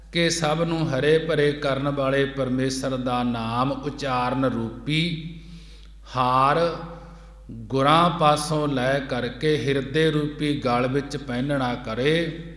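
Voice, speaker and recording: A man preaching in a gurdwara hall, chanting scripture lines and then explaining them slowly, repeating each line. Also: medium pitch, fairly even intonation, a bit bright. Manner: slow, measured, repeats each line twice. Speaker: Sikh preacher. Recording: echoey hall with long reverb.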